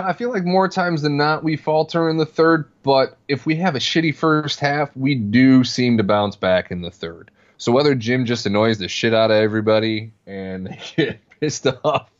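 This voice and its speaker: Rambling male podcast co-host, slightly dull sound. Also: mid-range voice. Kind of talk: casual sports podcast chat.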